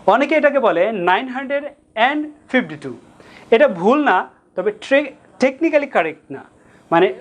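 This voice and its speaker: Slow, clear Bangladeshi woman tutor. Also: on the high side. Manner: slow, deliberate explanation with repeated examples. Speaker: English tutor. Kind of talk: tutorial lesson.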